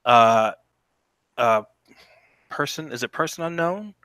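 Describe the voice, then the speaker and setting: A man with a bright, forward voice talks casually on a livestream. He rambles and halts, circling back over phrases before finishing them. The sound is very dry, with hardly any room around it. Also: medium pitch, animated, smooth, dry recording. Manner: rambling, halting, repeats and restarts phrases. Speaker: stream participant chatting about TV shows.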